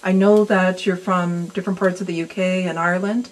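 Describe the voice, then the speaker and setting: A woman's voice: on the low side, fairly even intonation, brisk, rough recording. A woman interviewing a band at a lounge bar, chatty and enthusiastic. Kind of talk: interview hosting.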